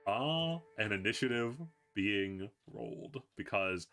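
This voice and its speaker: A man's voice: fairly low pitch, animated, takes it slowly, over loud music. A man running a tabletop game as game master, casually narrating in a rambling, self-interrupting way.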